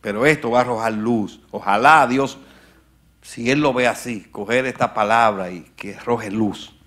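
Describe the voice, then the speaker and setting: A man delivers a church sermon in the voice of a pastor, his pitch sitting in a middle range for a man. He leaps from loud, high-pitched exclamations down to soft, hushed lines, and keeps breaking off to put chatty questions to the congregation. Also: normal speed. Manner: dramatic swings from shouting to near whisper; conversational asides to the congregation.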